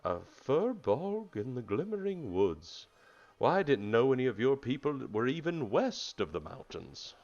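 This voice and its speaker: A man voicing a wise, gentle old male turtle druid in a tabletop fantasy game, with a drawn-out storybook manner. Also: on the low side, very animated, vocal fry, heavily acted. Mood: surprised. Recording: slightly dull lo-fi mic.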